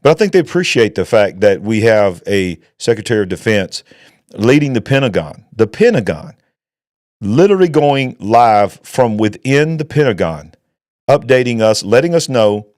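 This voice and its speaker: A pastor and show host in his fifties delivers opinionated commentary in an emphatic, preacher-like style that rises into exclamations. His mid-range, darkish voice has lively intonation and a moderate pace, recorded at studio quality with no room sound.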